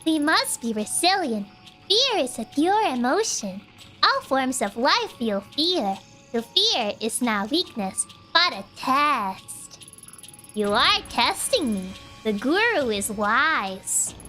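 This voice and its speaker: A woman voicing a creepy calm, unsettlingly serene cultist mother, reading game dialogue aloud with slow menace. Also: high-pitched, faint music behind, voice pushed down, exaggerated voice. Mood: eerily serene.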